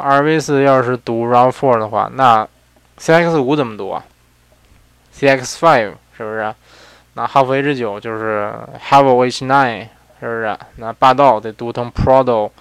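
A man's voice: mid-range voice, a bit bright, clean tone, no echo. A man hosting a casual car commentary, talking in a chatty way and often asking his listeners rhetorical questions. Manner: conversational, keeps asking rhetorical "right?"; self-mocking, chatty asides. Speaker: car reviewer and show host.

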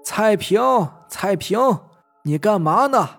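Brief: a man playing a testy rich old master of the house, barking orders, a bit higher than his own voice, for an audio horror story. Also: expressive, measured pace, a little mellow, faint music behind. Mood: impatient. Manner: impatient, commanding.

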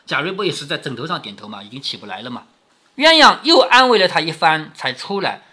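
A man's voice: on the high side, big pitch swings, fast, pushed and bright. A man reading a classic novel aloud to his daughter, breaking off for chatty, explanatory asides. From southern Jiangsu, China. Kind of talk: storytelling with commentary.

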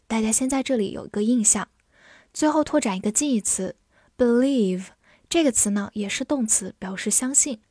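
A woman teaching English vocabulary in a clear, patient way, spelling words out and reading example sentences slowly. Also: on the high side, a little mellow, no room sound, clean studio sound. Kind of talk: vocabulary lesson.

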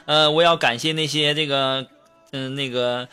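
A man's voice: mid-range voice, fairly even intonation, normal speed, pushed and bright, clear, resonant tone. A man who hosts a comedy show, reading out listener jokes and teasing his listeners as he goes. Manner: chatty, teasing, laughs at his own jokes. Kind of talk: comic joke-telling show. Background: background music.

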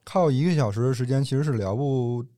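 A man's voice: medium pitch, fairly quick, warm tone, dry recording, clean studio sound. A man co-hosting a podcast in casual chat, playful and self-mocking. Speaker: podcast co-host.

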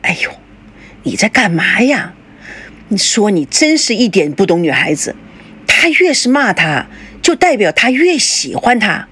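A woman's voice: medium pitch, very animated, measured pace, fairly bright tone, slightly rough, exaggerated voice. Woman voicing a shrewd nagging middle-aged mom. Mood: scolding. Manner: nagging, persuasive, fawning.

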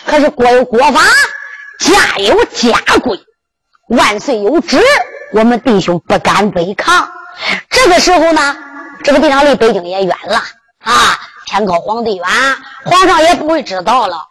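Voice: medium pitch, sing-song, moderate pace, a bit bright, a little hiss or hum, rough recording. A storyteller with a Henan accent, chanting and narrating a Henan zhuizi tale.

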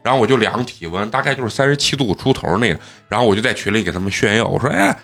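A man, a podcast host telling stories in a casual chat, animated and often laughing. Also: fairly low pitch, rapid-fire, faint music behind.

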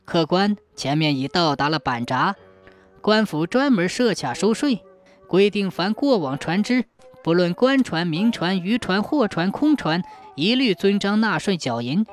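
A woman voicing a timid, kindhearted male boatman who speaks softly and anxiously, lower than her narration. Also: very animated, a little slow, faint music behind. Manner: soft, anxious, pleading.

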